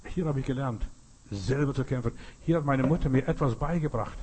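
A man's voice: mid-range voice, a little fast, background noise. A man preaching a sermon, urging his listeners directly and earnestly, telling stories and calling each listener to act.

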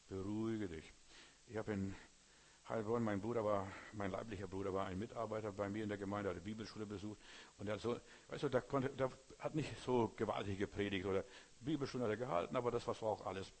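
A man's voice: on the low side, a little mellow. A man preacher giving an emphatic sermon, talking straight to his listeners and often asking if they understand. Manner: emphatic, talks straight to listeners with frequent "you know?".

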